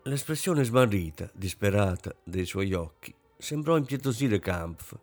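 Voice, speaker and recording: Dude reading a novel aloud, very lively pitch, faint music behind. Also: male voice, unhurried. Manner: expressive, dramatic reading. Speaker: narrator.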